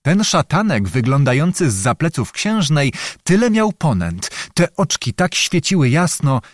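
Man narrating an expressive audiobook. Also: on the high side, unhurried, dry recording, clean studio sound. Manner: expressive, theatrical storytelling. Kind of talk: scripted narration.

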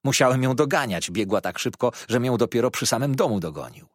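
A man reading a novel aloud in the first person, expressive and measured. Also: mid-range voice, no echo, clean studio sound. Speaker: audiobook narrator. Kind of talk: scripted first-person narration.

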